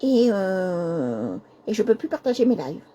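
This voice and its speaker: A woman hosting a casual live craft stream, hoarse with a cracking voice, speaking softly and apologizing often while repeating herself. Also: medium pitch, big pitch swings, unhurried.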